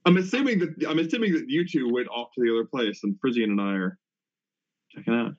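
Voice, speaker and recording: A man's voice: mid-range voice, fast. A man playing a tabletop role-playing game, improvising casually in character, on a slightly dull recording.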